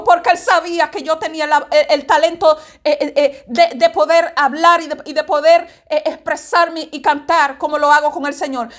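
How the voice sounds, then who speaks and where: A woman giving a fervent religious reflection, often repeating herself and speaking straight to the listener. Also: very high voice. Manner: fervent, repetitive, addresses the listener directly. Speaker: evangelical preacher.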